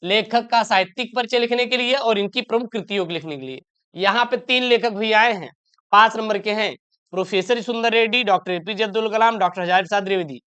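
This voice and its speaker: A young male teacher with a smooth, clear voice that sits fairly high. He runs an exam revision lesson in a chatty way, firing off questions and repeating each answer. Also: a little fast, a bit bright.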